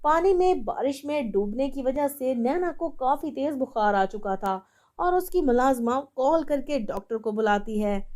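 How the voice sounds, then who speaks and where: A woman's voice: high voice, animated, measured pace, a little mellow. A woman narrating a scripted moral tale as a storyteller.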